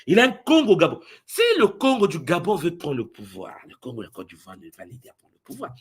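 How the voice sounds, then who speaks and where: Guy preaching to followers, husky voice, goes loud then drops low, swings all over. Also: huge pitch swings. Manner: swings from booming exclamations to low intimate asides; acts out voices of others in quick asides. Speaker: spiritual teacher. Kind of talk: impassioned spiritual address to followers.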